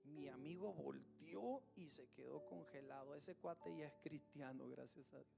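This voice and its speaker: A man's voice: a little high, a little slow, creaky, music in the background. A man gives a sermon testimony, telling a personal story with animation and often calling his listeners to attention. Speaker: preacher giving a testimony. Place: church service streamed live.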